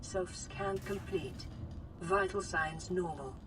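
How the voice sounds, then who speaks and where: A woman voicing a calm onboard computer of a survival pod, giving gentle, reassuring status reports through light computerized processing. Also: fairly low pitch, slow pace. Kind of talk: game computer announcements. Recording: distant voice under loud game music.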